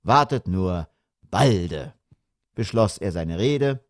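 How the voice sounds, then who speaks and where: A man narrating a humorous audiobook in a wry, lively storytelling manner. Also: lowish voice, no room sound, clean studio sound.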